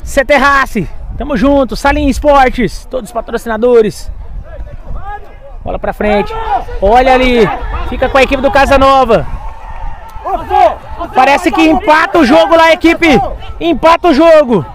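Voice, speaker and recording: A Brazilian man gives live play-by-play on a football match from an outdoor touchline. His voice is pitched very high for a man, and a faint crowd is audible behind him. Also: unhurried, long pauses. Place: small outdoor grass football ground, at the touchline.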